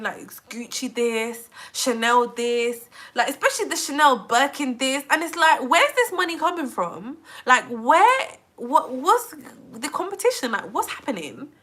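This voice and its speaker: Young woman from England, bright tone, rambling live-stream vlogger who says "like" a lot. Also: high voice, measured pace. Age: 20s. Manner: chatty, says "like" constantly, animated. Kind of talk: casual live-stream chat.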